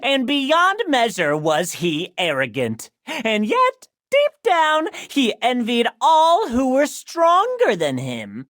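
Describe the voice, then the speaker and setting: A woman's voice: high-pitched, huge pitch swings, slow pace, hardly any pauses, dry recording, clean studio sound, exaggerated voice. A woman playing a theatrical, boastful trickster jester cookie from a cartoon game, narrating in a flamboyant, singsong, mock-sincere way like a grand stage showman. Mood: mocking storytelling. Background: loud music.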